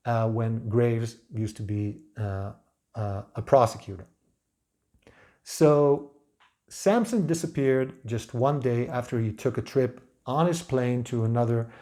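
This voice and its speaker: A man talking through a book review without a script, in a measured, hesitant way with pauses mid-phrase. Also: mid-range voice, mellow. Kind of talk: unscripted book review talk.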